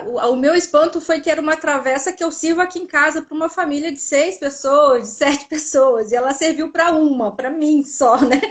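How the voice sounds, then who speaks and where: A Brazilian woman co-hosts a live video chat. Her voice is high, and she tells her anecdotes in a chatty, personal way. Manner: chatty storyteller. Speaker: host.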